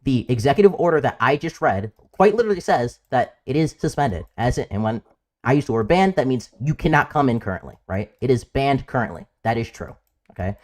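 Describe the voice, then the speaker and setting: A man's voice: medium pitch, lively intonation, fairly quick, a little mellow. A man hosting a live debate stream, insistent and repeating himself with stumbling restarts. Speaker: livestream debate host.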